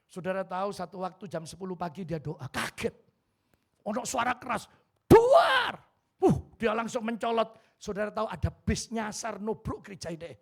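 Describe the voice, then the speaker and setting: A man's voice: high voice, fairly quick, creaky, breathy edge. A middle-aged man with an East Javanese accent preaching a humorous sermon, telling stories and acting out the voices of the people in them. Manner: animated storytelling, switches into Javanese voices for quoted people. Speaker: pastor. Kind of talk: humorous sermon with acted dialogue. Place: church hall.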